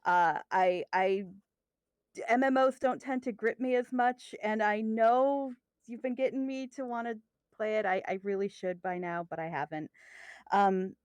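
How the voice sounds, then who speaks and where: A woman's voice: mid-range voice, unhurried, darkish tone, clear, resonant tone, no room sound. A woman with a Midwestern accent chatting casually on a podcast, rambling and self-deprecating with frequent laughs. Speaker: co-host guest.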